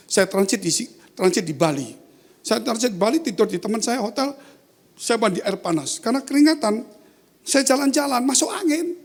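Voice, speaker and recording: A pastor preaching a sermon, telling a story and swinging from quiet asides to loud, high exclamations. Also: male voice.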